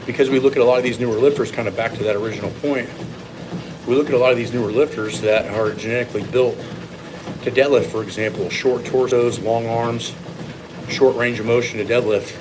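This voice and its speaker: A man with a steady, medium-pitched voice talks fairly quickly through an improvised training monologue. A strength coach and former competitive lifter, he speaks bluntly and casually, voicing strong opinions with occasional cursing, over background noise.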